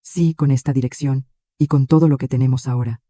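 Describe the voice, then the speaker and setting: A man reading the lines of a calm, supportive male friend in a flat, measured way. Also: medium pitch, no echo, clean studio sound, natural voice. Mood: reassuring.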